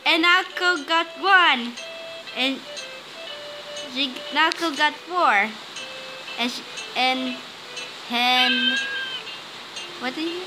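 A woman giving casual commentary while playing a card game, excitable and bursting into squeals and complaints. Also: high-pitched, very slow, long pauses, rough recording. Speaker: gaming video host. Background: game music.

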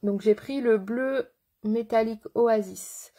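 A woman's voice: fairly high pitch, slow pace, dark tone, slight background noise. A woman makeup artist giving a live makeup tutorial, chatty and slangy, greeting her viewers with pet names. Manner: slangy, enthusiastic.

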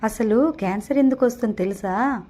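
A woman's voice: a little high, brisk, warm tone. A woman narrating a serialized audio novel, reading the dialogue lightly within the story.

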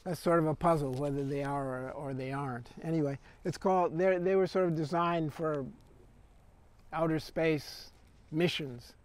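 A man poet introducing his poems at a reading, halting, with many fillers and restarts. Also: on the high side, fairly even intonation. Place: arts venue.

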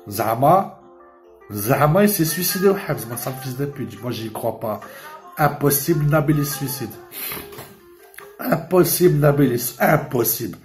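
A man's voice: mid-range voice, expressive, normal speed, pauses often, faint music behind. A man telling a rambling, emotional story in a casual monologue, dropping Arabic religious expressions and swearing as he goes. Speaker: vlogger.

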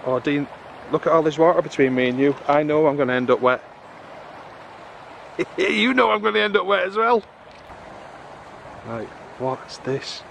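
A middle-aged man chatting excitably to his viewers while magnet fishing outdoors in a river, filmed on a camera. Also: fairly high pitch, normal speed, vocal fry, pauses often, a little hiss or hum. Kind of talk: casual outdoor commentary. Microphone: camera on a tripod or handheld.

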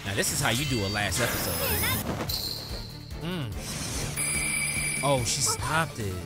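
A man's voice: mid-range voice, sing-song, slow pace. An American man giving casual, slangy and profane anime reaction commentary, full of exclamations. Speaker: reaction video host. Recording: loud music and show audio behind. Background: anime soundtrack music.

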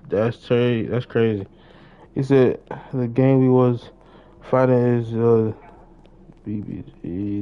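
On a gaming livestream, a young man with a mid-range voice talks casually in slang, repeating his phrases often. The sound is lo-fi.

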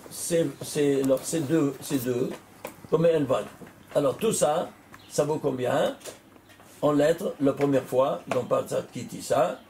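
An older man, a rabbi, giving an animated Torah lesson, working through numbers aloud and breaking into excited exclamations and questions to his listeners. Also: a little high, slight background noise. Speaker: rabbi teaching Torah and Kabbalah.

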